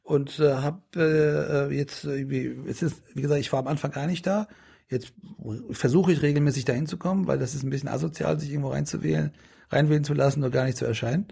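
A man's voice: on the high side, fairly even intonation, fast, vocal fry, mellow, slightly rough. A middle-aged man in a casual interview, talking in a rambling way with many restarts and fillers. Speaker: politician guest.

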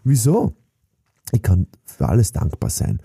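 A man's voice: fairly low pitch, huge pitch swings, a little slow, vocal fry, dark tone, husky, no room sound, clean studio sound. A middle-aged man, giving an emphatic, preachy motivational podcast monologue with many fillers and restarts. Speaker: sales trainer and podcast host.

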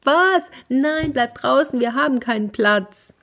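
A woman voicing a tiny, anxious mouse in a told children's story, with a high piping squeak. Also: expressive, slow, noisy background, full character voice. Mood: squeaky, anxious.

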